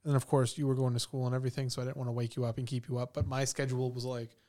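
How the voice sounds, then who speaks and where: A man's voice: mid-range voice, level tone, rapid-fire, mellow. A man hosting a podcast, easygoing and chatty, often answering with short agreeing replies. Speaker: podcast host. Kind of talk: casual podcast chat.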